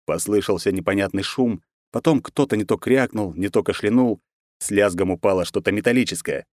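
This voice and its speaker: A man narrating a novel as an audiobook, reading in a steady, even storytelling manner. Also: lowish voice, a little fast, no echo. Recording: dry, close sound.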